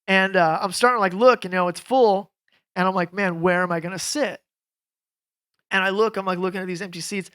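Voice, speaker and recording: Smooth-voiced man telling rambling stories. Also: sits high, fairly quick. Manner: rambling, filler-heavy, animated storyteller. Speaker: podcast guest, jiu jitsu coach. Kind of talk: casual storytelling chat.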